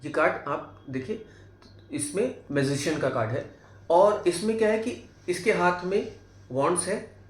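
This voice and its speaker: A man's voice: sits high, measured pace. A man with a Hindi accent teaching tarot basics, walking through each card and often checking in with tag questions and fillers. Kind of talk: explaining cards one by one. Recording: echoey room.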